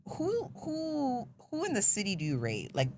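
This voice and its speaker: A woman hosting a casual interview, playful and quick to laugh as she asks questions. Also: on the high side, wildly swooping pitch, darkish tone. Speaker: host. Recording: faint background noise.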